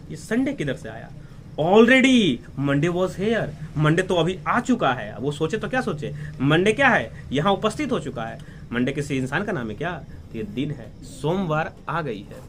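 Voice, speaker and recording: A man teaches a story line by line. His voice sits a little high for a man, and he keeps stopping to put questions to his students. A faint hiss runs under the recording. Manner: explains slowly, asks questions and answers them himself. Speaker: English teacher. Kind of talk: line-by-line lesson explanation.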